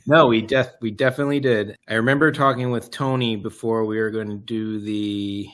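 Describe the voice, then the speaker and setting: A man's voice: fairly low pitch, fairly even intonation, moderate pace, fairly bright tone. A man, a videographer, answering on a festival Q&A panel in a thoughtful, rambling way. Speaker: videographer and editor.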